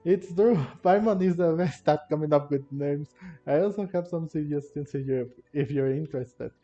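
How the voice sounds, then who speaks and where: A gaming video host offers casual playthrough commentary, his phrasing hesitant and repetitive. His voice is a little high and mellow at a moderate pace, and faint game music plays under a dull lo-fi mic.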